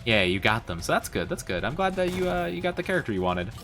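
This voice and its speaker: A man's voice: medium pitch, very animated, fast, gravelly, fairly bright tone. A man livestreaming games, talking casually and bantering playfully with his chat. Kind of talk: casual gaming stream chat. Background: faint music.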